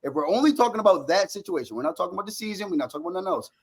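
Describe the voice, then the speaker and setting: A man's voice: high-pitched, lively intonation, very fast, slightly rough. A man arguing as a fan in a heated sports debate, insistent and slangy, cutting in, repeating his points and swearing.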